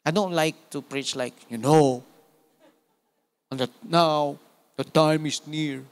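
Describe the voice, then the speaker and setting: Animated Filipino pastor, fairly high voice. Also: male voice, slow. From Philippines. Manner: animated preaching with frequent call-outs of amen and praise God. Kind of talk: sermon.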